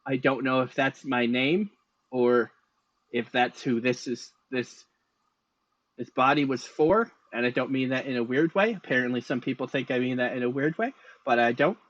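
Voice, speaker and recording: A man's voice: mid-range voice, moderate pace, a bit bright, dull audio, voice pushed down, close to an everyday voice. A man voicing a naive, anxious living doll in improvised tabletop role-play, hesitant and rambling. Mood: hesitant, unsure.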